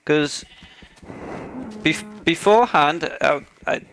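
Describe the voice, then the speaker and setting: A man's voice: a little high, slow, a bit bright, a little hiss or hum. A man co-hosting a casual gaming chat show, ranting sarcastically and getting worked up about his topic. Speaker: podcast co-host.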